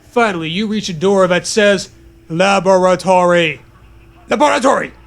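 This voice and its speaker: A man reads a silly story aloud at an unhurried pace. His voice is fairly high, and he adds dry, mock-earnest jokes between the lines. It has the feel of easy comic banter. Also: steady tone. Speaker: co-host reading a story aloud. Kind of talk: comedic story reading with banter.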